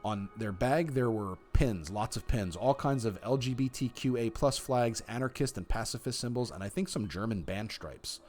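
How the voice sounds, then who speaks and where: A man's voice: mid-range voice, normal speed, hardly any pauses, darkish tone. A man streaming a story game, reading its text aloud and announcing his choices.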